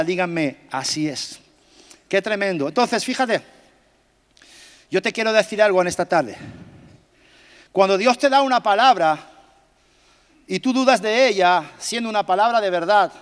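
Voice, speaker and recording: Guy preaching, very high voice, big hall echo, keeps asking the crowd stuff. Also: a bit bright. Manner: emphatic, quizzes the congregation, jokes. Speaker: pastor. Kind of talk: sermon. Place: church hall. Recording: long reverb of a church hall.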